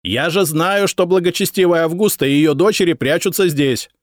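Brief: a man playing a bossy noble officer, loud and impatient, raised high voice, dry audiobook sound. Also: very animated, moderate pace, no echo. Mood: commanding, irritated. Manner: shouting, impatient. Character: angry commanding male noble officer.

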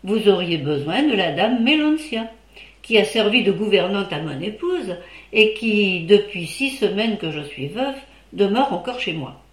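A woman voicing a widowed male master who recommends his housekeeper in a smooth, persuasive manner. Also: mid-range voice, expressive, unhurried, close to an everyday voice. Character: widowed male barber-surgeon, obliging talker. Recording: roomy echo.

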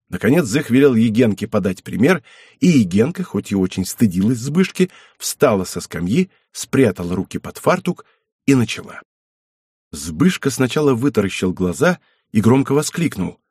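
A man narrating an audiobook of a classic novel in an expressive, animated reading. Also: mid-range voice, husky, no room sound, clean studio sound.

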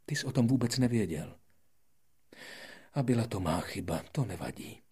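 A man voicing a proud, fragile female flower in an audiobook, speaking softly and half in a whisper. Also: mid-range voice, lively intonation, husky, pitched above the performer's own voice. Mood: tender. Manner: soft, hushed and half-whispered. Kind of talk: audiobook character voice.

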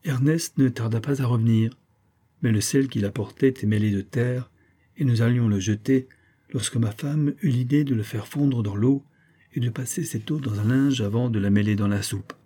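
Mellow, husky man reading a storybook. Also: mid-range voice, normal speed. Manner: steady first-person storytelling. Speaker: audiobook narrator. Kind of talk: audiobook reading of a classic novel.

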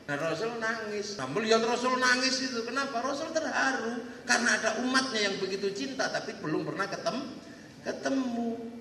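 Male preacher, high and gravelly, very bright, echoey hall. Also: brisk, slight background noise. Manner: lively, animated, acts out voices. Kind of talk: humorous storytelling sermon. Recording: echoey hall, distant mic, faint ambience.

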